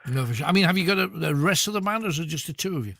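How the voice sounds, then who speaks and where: A man with a North East English accent hosts a radio phone-in in an informal, matey way. His voice sits a little high and has a gravelly creak. The sound is dry, as in a studio. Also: lively intonation, very fast, a bit bright, no room sound. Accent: North East England. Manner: informal, matey, short encouraging interjections. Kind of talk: casual phone-in chat.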